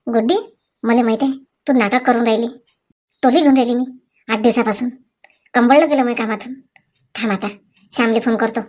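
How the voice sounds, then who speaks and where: A bossy, quarrelsome middle-aged mother-in-law, played by a woman, scolds and complains in a Vidarbha Marathi accent. Her voice sits high for a woman. The sketch is a comic family skit. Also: fairly even intonation, brisk, pauses often, darkish tone, lightly acted. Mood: grumbling. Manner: scolding, self-pitying complaints. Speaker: actor in a comedy skit.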